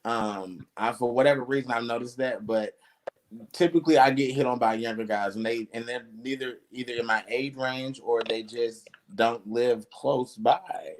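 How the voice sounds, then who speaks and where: An animated man in his thirties chats casually on a podcast. He talks in slang and acts out what other people say. A faint hiss of noise sits behind him. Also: mid-range voice, normal speed. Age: 30s.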